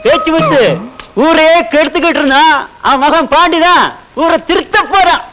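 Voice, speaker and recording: An actor playing a blunt, scolding village elder in a film comedy. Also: male voice, very high-pitched, moderate pace, pushed and bright, low-quality recording.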